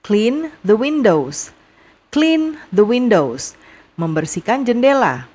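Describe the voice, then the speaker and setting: A young woman with an Indonesian accent teaching vocabulary to young students, repeating each phrase slowly and patiently. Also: a little high, big pitch swings, darkish tone. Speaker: English teacher.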